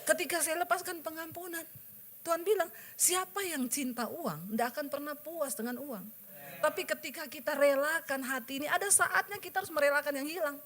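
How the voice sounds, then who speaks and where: A woman pastor with a high, bright voice preaches in a lively storytelling manner. She acts out the dialogue in her story and keeps turning to address the congregation. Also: brisk. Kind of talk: sermon with personal testimony.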